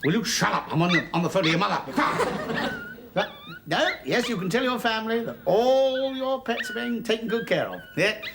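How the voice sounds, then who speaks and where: An actor playing a fussy, harassed suburban husband in a studio sitcom, flustered and sarcastic. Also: male voice, sits high, animated, brisk, creaky. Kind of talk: 1980s studio sitcom acting. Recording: TV studio audience laughter, noisy. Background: studio audience laughter.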